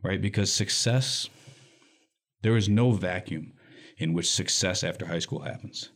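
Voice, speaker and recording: A nonprofit executive director from Michigan, appearing as a guest, answers interview questions in a deep, unhurried voice with a fairly bright tone. He's earnest and emphatic, and he often ends his points with "right?".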